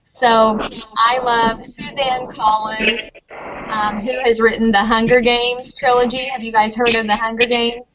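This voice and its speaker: A middle-aged university professor of teaching methods from the United States gives casual interview answers in a friendly, chatty manner, often saying "um." Her voice sits on the high side with a level tone and measured pace. The lo-fi recording sounds dull, with clear noise and a crowd behind her.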